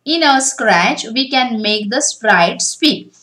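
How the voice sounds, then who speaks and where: A woman's voice: fairly high pitch, animated, slow pace, pushed and bright, poor audio. A woman teaching a coding lesson for beginners, explaining each step in turn over a screen recording. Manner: step-by-step explaining, often starting with "now".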